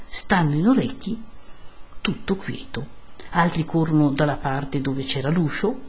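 Expressive woman reading a classic novel. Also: deep voice, slightly rough. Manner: expressive, dramatic storytelling. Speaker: reader.

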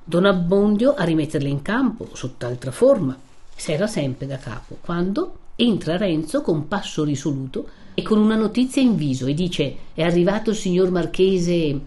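A woman reading a classic novel aloud in a measured, expressive storytelling manner. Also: lowish voice. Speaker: narrator.

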